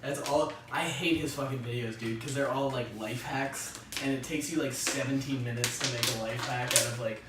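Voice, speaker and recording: A young man hosting a casual podcast chat, an excitable storyteller who swears freely and laughs mid-sentence. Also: medium pitch, normal speed, hardly any pauses. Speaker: podcast host. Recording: roomy echo, far from mic, faint noise.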